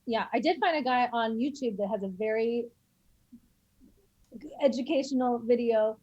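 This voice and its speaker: Husky-voiced woman chatting hesitantly. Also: a little high, moderate pace, a little mellow, no echo, lo-fi sound. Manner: hesitant, trailing off. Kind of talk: casual chat.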